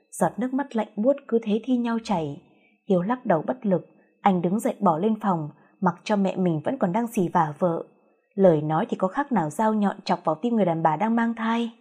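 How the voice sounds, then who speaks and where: Husky woman narrating a story. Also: mid-range voice, dark tone.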